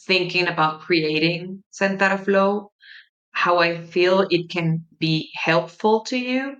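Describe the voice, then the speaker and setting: A young Mexican woman, a native Spanish speaker with a Mexican Spanish accent, hosts her podcast in a gentle, reflective monologue. She sounds warm-hearted and unhurried, with soft pauses, in a mid-range voice. The recording quality is low.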